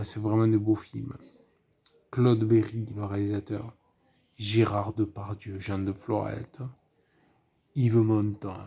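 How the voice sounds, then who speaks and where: A man's voice: fairly low pitch, gravelly, dark tone. A man giving a casual, rambling film review, full of asides and fillers.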